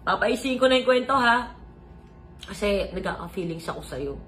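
A woman's voice: mid-range voice, lively intonation, normal speed, fairly bright tone, a little hiss or hum. A woman vlogger earnestly telling a confessional story, mixing Tagalog with English phrases. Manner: earnest, retelling events in mixed Tagalog and English.

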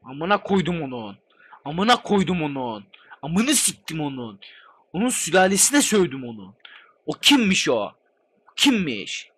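A man giving excitable, swear-filled commentary while playing a game, hosting his own gaming channel. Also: a little high. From Turkey. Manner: excitable, swears constantly, chatty. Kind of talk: let's play commentary.

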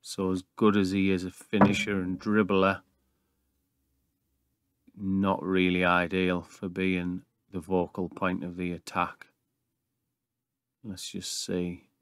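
A man's voice: low voice, monotone, slow pace, pauses often, smooth, no echo, studio quality. A man in his thirties hosting casual video game commentary, recorded in an attic room. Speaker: YouTube gaming host. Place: small brick-walled attic room.

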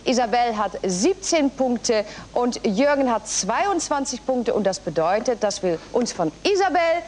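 A middle-aged woman hosting a TV quiz show in a studio. She reads questions, announces scores and chats with contestants in a brisk way. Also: a little high, sing-song, darkish tone, slight background noise. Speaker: game show host. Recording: music and audience in the studio. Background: studio music and audience.

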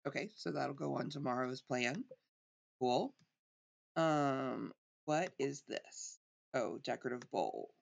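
A woman's voice: very deep voice, lively intonation, slow pace, gravelly, long pauses. A middle-aged woman giving casual let's play commentary, thinking aloud as she plays.

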